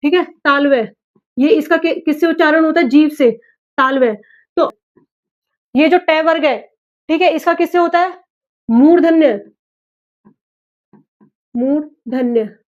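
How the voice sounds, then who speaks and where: A woman's voice: high-pitched, normal speed, long pauses, muffled recording. A woman teaching an exam-prep class, asking a question, answering it herself and repeating it back. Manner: repetitive, drilling, asks and answers own questions.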